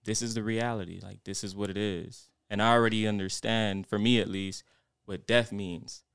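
A young man co-hosting a podcast reflects on a personal story in a rambling, filler-heavy way during casual chat. His low-leaning voice is steady, creaky, a bit bright, clear and resonant, at normal speed, in clean studio sound with no room echo.

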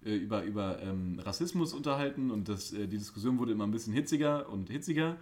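A man's voice: fairly low pitch, expressive, quick pace, a little mellow. A young man co-hosting a podcast, chatting casually, joking around and telling stories. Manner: joking, storytelling, self-styled class clown. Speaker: podcast co-host. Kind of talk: casual chat.

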